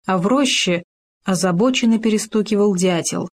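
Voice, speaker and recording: A woman narrating a children's storybook, reading with gentle expression. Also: mid-range voice, moderate pace.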